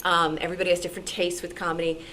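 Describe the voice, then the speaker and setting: Speaking very fast, an American woman radio programmer answers questions at a club meeting in an informal, enthusiastic manner. Her lowish voice has a level, sharp tone. The recording from the live meeting room is noisy.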